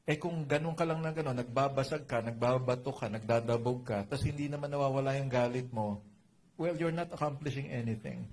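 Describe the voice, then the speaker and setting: A man's voice: medium pitch, darkish tone, a little hiss or hum. A middle-aged man with a Filipino accent preaching a sermon in a chatty way, mixing in English, often asking his listeners "right?" and adding joking asides. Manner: Taglish code-switching, conversational, asks "di ba?" often; jokey asides with laughter. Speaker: pastor.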